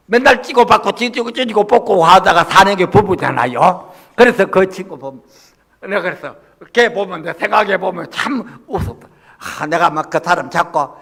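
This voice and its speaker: An older male pastor preaches in a high, gravelly and husky voice. He tells blunt, folksy stories and keeps checking in with his listeners through quick rhetorical asides. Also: fairly bright tone. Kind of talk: sermon at a church retreat.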